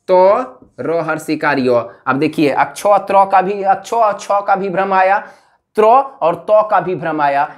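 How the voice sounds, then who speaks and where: Man, teacher, exam-prep lesson, fairly high voice, spells out words slowly. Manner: explains step by step, asks and answers his own questions; repeats example words slowly, syllable by syllable.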